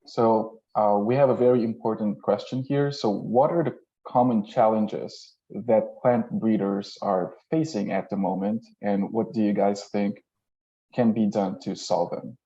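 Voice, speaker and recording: Man moderator, low warm voice, muffled call audio, reads questions plainly. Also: a little slow. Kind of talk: moderating an online panel.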